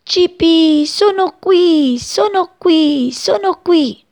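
Woman doing tender mother bird, high calls, breathy. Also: very animated, unhurried, dry recording, studio quality, full character voice. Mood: calling. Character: loving mother bird calling her chick.

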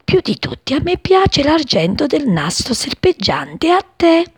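A woman voicing a wounded little female sparrow in a children's story, high and pleading. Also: very animated, unhurried, creaky, no echo, clean studio sound, exaggerated voice. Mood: longing.

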